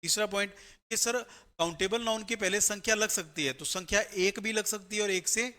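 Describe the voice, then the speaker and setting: A male grammar teacher giving a step-by-step classroom lecture for exam students, often checking in with a quick "right?". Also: high-pitched, bright, forceful tone.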